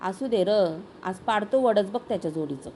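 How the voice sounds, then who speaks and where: A woman's voice: medium pitch, expressive, normal speed, mellow, a little hiss or hum, close to an everyday voice. A woman voicing a young village man chatting with his close friend on a cart ride. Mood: chummy.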